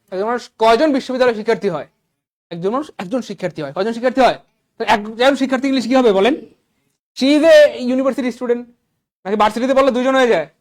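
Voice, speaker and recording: A man with a Bangladeshi Bengali accent teaching an English grammar lesson, quizzing his class with questions and drilling examples by repetition. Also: high voice. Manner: quizzing students with rising questions.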